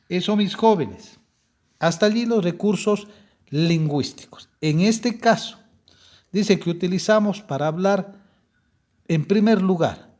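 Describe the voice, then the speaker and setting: A man's voice: high voice, a little mellow. A young adult man teaching a language class, explaining step by step and often checking in with his students. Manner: frequent self-corrections and restarts. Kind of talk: classroom lecture.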